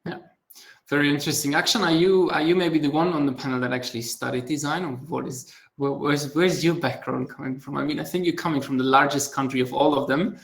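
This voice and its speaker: A man's voice: on the high side, fairly even intonation, a little fast, vocal fry. A man moderating a casual online panel discussion, asking questions in a friendly, hesitant way and often repeating his words. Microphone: video call.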